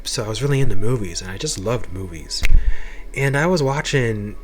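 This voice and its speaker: A man's voice: on the low side, animated, normal speed. A young man telling his own life story to camera, swearing freely and stumbling over repeated words as he gets worked up.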